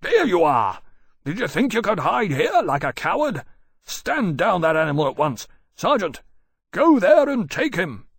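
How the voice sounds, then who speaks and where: A man's voice: high voice, sing-song, a little slow, creaky, husky, dry recording, clean studio sound, pitched above the performer's own voice, full character voice. A man voicing a furious, bullying middle-aged officer who bellows his orders in a storybook reading. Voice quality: shouting, blustering.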